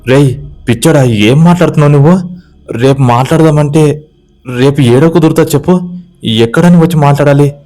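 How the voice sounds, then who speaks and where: A man's voice: medium pitch, brisk, dark tone, close to an everyday voice. A man voicing a playful young village woman in a spoken ghost story. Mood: alarmed. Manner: playful, scolding and coaxing.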